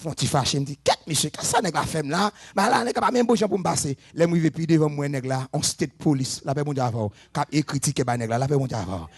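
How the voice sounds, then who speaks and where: A man preaching, his voice high and husky. He moves from quiet explanation to shouted, sing-song exhortation. The sound is dry and close, with little room echo. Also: fast talker, few pauses. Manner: switches between soft talk and shouted, sing-song preaching. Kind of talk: sermon.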